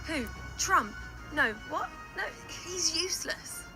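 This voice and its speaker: A woman's voice: extremely high pitch, expressive, slow pace, music in the background, heavily acted. A woman playing a stern wife who scolds and bosses her husband around. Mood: scolding. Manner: scolding, bossy.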